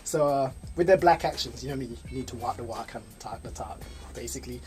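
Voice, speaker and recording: A man's voice: mid-range voice, fairly quick, a little mellow. A man hosts a casual radio interview, joking and rambling along. His voice sits mid-range, with faint music under it. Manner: jokey, playful, rambling. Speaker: radio host.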